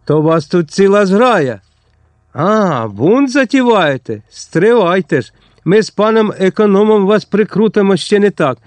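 A man's voice: darkish tone, dry recording. A man voicing a blustering, cowardly village innkeeper who bullies and then pleads in panic, in an audiobook reading. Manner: shrill, bullying, turns to pleading panic.

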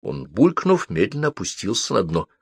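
Expressive low-voiced male storyteller. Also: normal speed, vocal fry, husky, no room sound, studio quality. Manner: expressive, theatrical. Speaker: narrator. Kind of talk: audiobook story reading.

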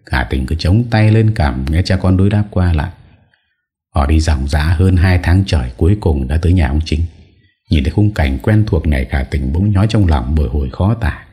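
A man reading a story aloud as an audiobook narrator, with calm, even storytelling. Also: very deep voice, moderate pace.

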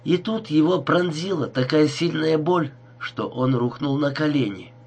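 A man's voice: a little high, measured pace, a little mellow, husky. A man narrating a crime story audiobook in a tense, dramatic reading.

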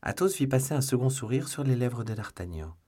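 A man's voice: mid-range voice, lively intonation, brisk, dark tone. A man narrating a classic novel as an audiobook, reading steadily. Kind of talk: scripted narration.

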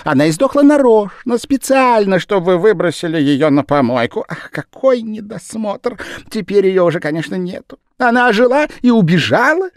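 A man doing a shrill gushing shopkeeper. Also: big pitch swings, no echo, clean studio sound. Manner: shrill, gushing, rattling fast. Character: fussy excitable male shop owner.

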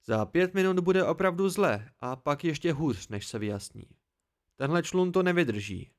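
A man's voice: a little high, lively intonation, natural voice. A man reading an audiobook, voicing a blunt male ferryman who gives matter-of-fact warnings. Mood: grim.

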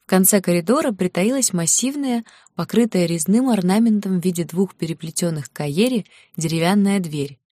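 A woman's voice: on the low side, moderate pace, hardly any pauses, warm tone, dry recording. A woman narrating a fantasy novel as an audiobook, lightly voicing the girls' dialogue. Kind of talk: scripted narration.

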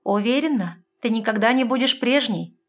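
A woman's voice: on the high side, animated, moderate pace, pitched above the performer's own voice, close to an everyday voice. A woman voicing a sly, smug fairy woman who talks in a mocking, self-assured way.

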